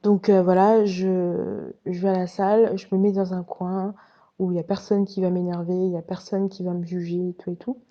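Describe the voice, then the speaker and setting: A woman's voice: on the low side, flat delivery, moderate pace, dark tone, muffled recording. A woman casually telling a personal story to her viewers, chatty and direct. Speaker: vlogger recounting her past.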